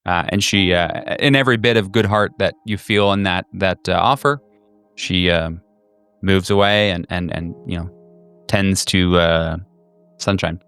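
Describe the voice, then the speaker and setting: Guy running a tabletop game, low clear voice, halting narration, bit of music behind. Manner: halting, searching for words. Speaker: game master. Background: soft music.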